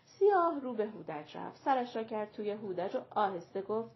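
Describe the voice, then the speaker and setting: A woman narrating a short story as an audiobook reader, measured and even. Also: medium pitch, highs cut off. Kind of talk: scripted narration.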